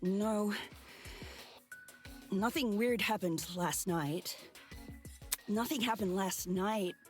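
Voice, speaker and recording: A woman's voice: mid-range voice, slow, faint music behind, close to an everyday voice. A woman voicing a guarded, blunt young female student with a curt, defensive way of talking. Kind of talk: game voice acting.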